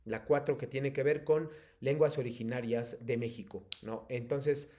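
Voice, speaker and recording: Mexican man, teacher, mellow warm tone, patient explaining, video call mic. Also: mid-range voice. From State of Mexico. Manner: patient, explanatory, many fillers. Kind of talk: online class lecture.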